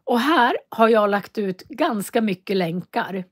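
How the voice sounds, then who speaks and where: A woman teaching Swedish in a live online lesson, speaking slowly and clearly and repeating phrases for learners to copy. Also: mid-range voice, animated. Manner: walks viewers through web links on screen.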